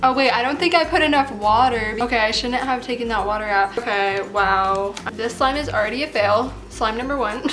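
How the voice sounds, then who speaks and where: A woman in her late teens speaks in a fairly high voice, with the slight lisp of someone wearing braces. She talks casually and chattily, like a host guiding viewers through a homemade craft. Music plays behind her. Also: fairly bright tone. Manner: talking with braces, slightly lisping. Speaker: host of a slime craft channel. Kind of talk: casual chatty DIY tutorial.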